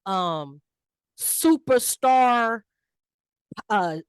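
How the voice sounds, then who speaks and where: Woman co-host, animated and slangy, dry close sound. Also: fairly high pitch, drawn-out words, clear, resonant tone, no room sound. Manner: animated, slangy, playful voices for players. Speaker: podcast co-host. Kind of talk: casual sports chat.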